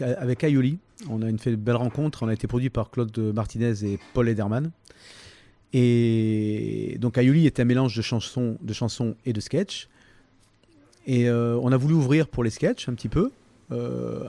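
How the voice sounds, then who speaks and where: Brief: fifties man, Provençal accent, low mellow tone, dry close mic, halting casual answers. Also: no echo. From southern France, Toulon. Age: 50s. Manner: halting, many fillers and restarts. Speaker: comedian, interview guest.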